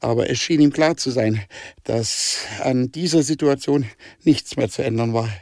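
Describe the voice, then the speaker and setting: A man narrating an adventure story in a playful, expressive reading style. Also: medium pitch, moderate pace, no room sound, clean studio sound. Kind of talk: audiobook narration.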